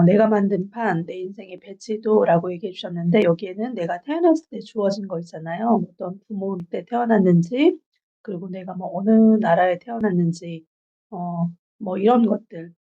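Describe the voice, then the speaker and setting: A woman in her forties giving a measured, reflective book review from her notes, pausing often on filler sounds. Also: medium pitch, dark tone, husky. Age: 40s. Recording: dull lo-fi recording.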